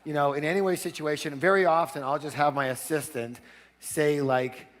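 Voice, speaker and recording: Energetic male seminar speaker in hall. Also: fairly high pitch, normal speed. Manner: energetic, asks audience for call-and-response. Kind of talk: live seminar talk. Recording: long hall reverb.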